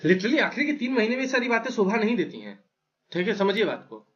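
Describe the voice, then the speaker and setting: This man's voice is high, sing-song, fast, a bit bright and husky, captured in dull audio. Acting as a mentor, he offers exam students motivational study tips in a blunt, brotherly way, often asking "right?"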